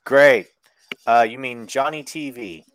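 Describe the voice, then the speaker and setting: A man's voice: medium pitch, slow pace, fairly bright tone, a little hiss or hum. A man co-hosting a podcast over an online call, recapping wrestling with sarcasm, swearing and lots of ums. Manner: sarcastic and profane, frequent ums and restarts. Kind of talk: casual chat.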